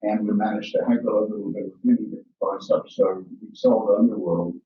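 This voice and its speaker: A man with an Australian accent giving an investor presentation, excitable and quick-talking. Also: on the low side. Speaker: company executive presenting. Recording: roomy, distant, dull lo-fi sound.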